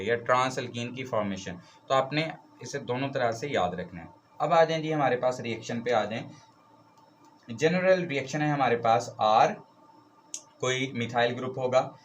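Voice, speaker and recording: A man's voice: medium pitch, slight background noise. A man teaching a chemistry lesson, explaining step by step and often checking in with the students. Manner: explains step by step with frequent "theek hai" checks. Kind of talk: classroom lecture.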